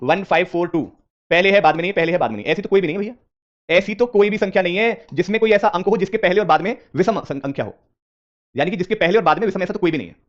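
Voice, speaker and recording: A man runs a live reasoning class, talking fast and repeating each step to his students. His voice sits a little high, and his coaxing manner mixes English terms into his teaching. The audio is dull and lo-fi.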